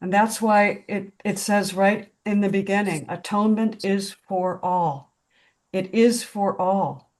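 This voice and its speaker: A woman facilitating a spiritual discussion group over a video call, speaking in a slow, reflective, contemplative way. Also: mid-range voice, darkish tone.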